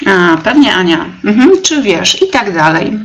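A young woman teacher leading a live webinar, explaining step by step with many fillers and pauses. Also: medium pitch, very animated. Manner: slow, hesitant, many fillers, reads out chat replies.

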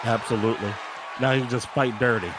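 A man's voice: medium pitch, steady tone, fast, very noisy. A young man giving short colour reactions as a wrestling co-commentator on a game stream. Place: indoor room with posters. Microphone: boom mic, headset, video call. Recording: loud game music and crowd behind.

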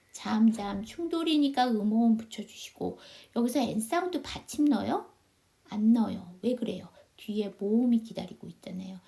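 A woman teaching phonics over a video call, her voice a little high and gravelly. She talks with a mellow, darker tone, patiently posing questions and answering them herself. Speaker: English teacher. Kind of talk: online phonics lesson.

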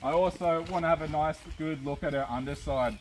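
A man's voice: fairly high pitch, a little fast. A young Australian man giving an informal, instructive zookeeper talk outdoors, breaking off to praise and coax the animals. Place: outdoors at a zoo animal enclosure. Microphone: camera a few metres away. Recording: very noisy outdoor phone recording.

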